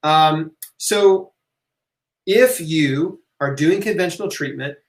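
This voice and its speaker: A man with a slightly high voice hosts a live health Q&A, talking slowly in an informal, emphatic way as he encourages listeners and repeats key phrases. He keeps it conversational, checking in with "right?" and "okay?". The room sounds roomy and echoey.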